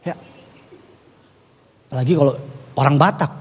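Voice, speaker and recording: A man preaching a sermon, animated and jokey, slipping into playful voices and regional slang. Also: mid-range voice, normal speed, a little hiss or hum. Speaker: pastor. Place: church hall. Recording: long church reverb.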